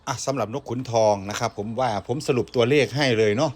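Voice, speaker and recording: A man with an Isan Thai accent and a mid-pitched voice talks casually and coaxingly. He repeats short questions insistently, as a video host would. There is light noise in the recording. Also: quick pace. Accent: Northeastern Thai (Isan). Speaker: video host talking to a pet bird.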